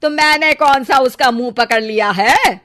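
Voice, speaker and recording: In a Hindi cartoon tale, a woman gives voice to a crabby older Indian mother-in-law with a sharp tongue, full of sarcasm and scolding. She pitches her voice high and keeps a moderate pace.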